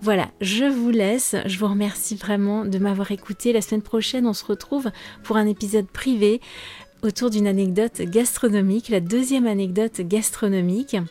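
Warm-voiced woman giving a podcast lesson. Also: medium pitch, moderate pace. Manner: calm, explanatory, with frequent fillers. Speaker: French teacher and podcast host.

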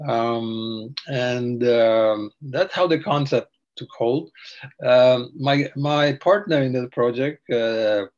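An older man talks through his story as a podcast guest, wandering and hesitant. His voice sits at a middling pitch, and the recording sounds a little dull and muffled. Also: slow pace, darkish tone. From Slovakia. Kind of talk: casual interview.

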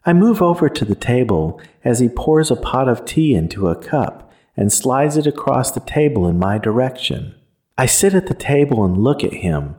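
A man narrating a first-person horror story in a measured, somber way. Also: medium pitch, big pitch swings, darkish tone.

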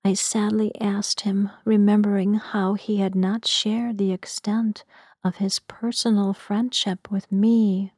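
Soft-whispering woman narrator, slow. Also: mid-range voice, flat delivery, husky, no echo, studio quality. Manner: soft, gentle, hushed whisper. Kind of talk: whispered ASMR story narration.

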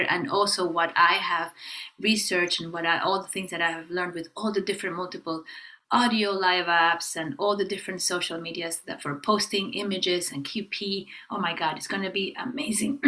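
A woman co-hosting a podcast in casual chat, enthusiastic and upbeat, listing topics in quick runs. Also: lowish voice, pushed and bright, low-quality recording. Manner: enthusiastic, upbeat, talks in rapid lists. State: clearing her throat, voice catching. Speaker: podcast co-host.

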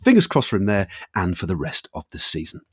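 Podcast host: middle-aged British man, lower-pitched, very animated delivery, chummy and enthusiastic. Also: fast talker. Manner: matey, enthusiastic, effusive. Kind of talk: casual chatty interview.

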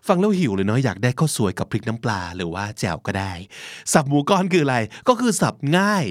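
A Thai man in his forties hosting a podcast English lesson, chatty and lively, reading the English examples slowly and clearly. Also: medium pitch, no echo, clean studio sound. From Thailand. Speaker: podcast host and English teacher. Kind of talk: relaxed podcast vocabulary lesson.

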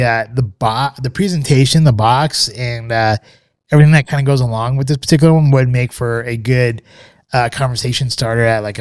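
A man's clear, resonant, mid-range voice carries a casual podcast review of scotch, which he co-hosts. The talk rambles, relaxed and hesitant, with lots of fillers and restarts. Clean studio sound, no echo.

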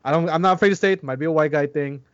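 A man's voice: on the high side, very fast, no room sound, dull audio. A man co-hosting a podcast in casual chat, rambling with many restarts and fillers. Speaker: podcast co-host.

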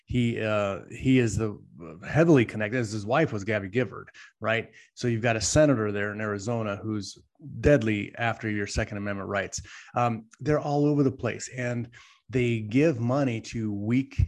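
A man's voice: fairly low pitch, normal speed. Man, opinionated casual talk, emphatic, rhetorical questions. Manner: emphatic, rhetorical, keeps asking "right?".

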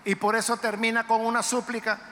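A man preaching a sermon in a church, emphatic and dramatic, with sudden loud outbursts. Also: very high-pitched, flat delivery, brisk. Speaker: pastor. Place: church sanctuary. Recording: reverberant church hall, faint background noise.

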